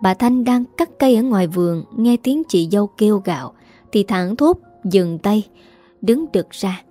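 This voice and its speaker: A woman narrating a dramatic story with a steady, scripted reading. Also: mid-range voice, moderate pace, faint music behind.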